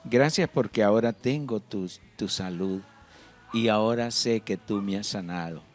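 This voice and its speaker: A man's voice: lowish voice, a little slow, faint music behind, close to an everyday voice. A man voicing an old woman in a wheelchair. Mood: grateful. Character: elderly woman in a wheelchair, pleading then grateful.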